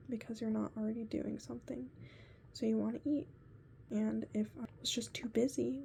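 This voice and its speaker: A woman's voice: a little high, vocal fry, dark tone, a little hiss or hum. A woman recording a personal video diary on her phone, talking mostly in a whisper and rambling as she reflects on her goals. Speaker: video diarist. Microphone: phone camera.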